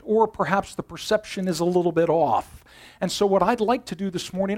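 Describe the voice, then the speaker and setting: A man in his fifties preaching a sermon in a conversational way, moving between loud emphasis and quiet intensity. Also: on the high side. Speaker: pastor.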